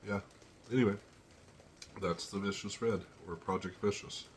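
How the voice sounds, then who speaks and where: Deep-voiced man, teary from chili heat. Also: steady tone, slight background noise. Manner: slow, measured, thinking aloud between pauses. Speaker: chili pepper reviewer. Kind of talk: casual solo tasting review.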